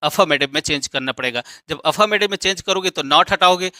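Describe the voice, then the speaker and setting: A man's voice: a little high, quick pace, pushed and bright, clear, resonant tone, dry recording. A man teaching an English grammar lesson, explaining step by step and posing questions that he answers himself.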